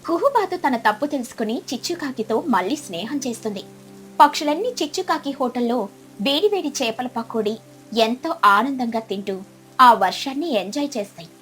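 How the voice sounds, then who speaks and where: Brief: woman narrator for a children's cartoon, high and bright, clear and steady. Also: normal speed, faint music behind. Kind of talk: scripted storybook narration.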